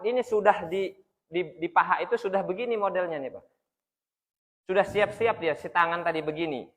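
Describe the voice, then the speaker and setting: A man teaching prayer rules to a mosque congregation, his voice high and bright with a forceful edge. He talks them through each step, calls them "Pak" at nearly every line, and now and then chants a recitation to show it. His voice rings out with the long reverb of a big mosque hall. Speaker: Islamic religious teacher.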